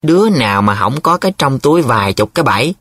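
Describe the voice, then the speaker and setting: A man's voice: mid-range voice, lively intonation, brisk, a bit bright, dry recording. A man voicing a teasing, dramatic young male student who talks in a playful, showy way, in an audiobook. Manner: playful, showy, sing-song when reciting.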